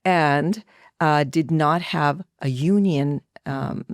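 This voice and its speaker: Taking her time, a middle-aged actor from India speaks in a deep voice as she tells personal stories on a podcast, acting out pieces of dialogue from memory. The recording is studio quality, with no room sound.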